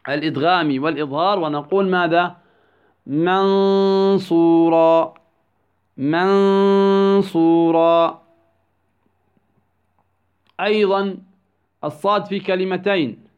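High-voiced male teacher. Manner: asks prompting questions then answers them; slowly drawn-out example words. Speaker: Quran recitation teacher. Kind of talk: tajweed lesson. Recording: dull lo-fi recording.

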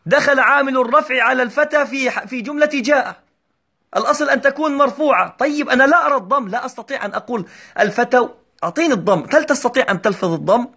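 A male teacher explaining a grammar lesson, patiently repeating examples slowly and checking that his students follow. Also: very high voice, sharp tone, breathy edge.

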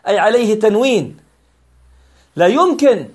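A man with a strikingly high-pitched voice gives a grammar lesson. He explains patiently, repeating each point and posing questions that he then answers himself. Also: animated, normal speed. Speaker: Arabic grammar teacher.

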